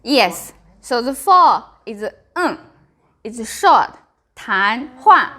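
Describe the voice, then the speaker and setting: A woman's voice: fairly high pitch, very animated, very slow, pushed and bright. A woman with a Chinese accent teaching beginners, practicing tones by demonstrating syllables and giving short prompts and corrections. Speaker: Mandarin Chinese language teacher.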